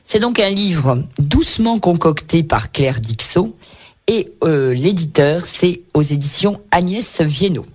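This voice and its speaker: Guy on the radio reviewing books, kinda high voice, chatty, jokey asides. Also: expressive, slow pace. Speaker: radio book show host.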